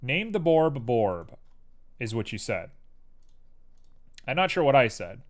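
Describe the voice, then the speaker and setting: A man's voice: mid-range voice, sing-song, slow pace. A young man streaming while he 3D models, muttering to himself in a playful, rambling way. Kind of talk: casual livestream commentary while 3D modeling.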